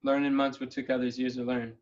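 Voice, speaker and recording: A man runs a relaxed planning session over a video call, thinking out loud in an upbeat, easygoing way. His voice sits at an ordinary middle pitch. The call audio is dull and lo-fi. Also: quick pace. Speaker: meeting leader.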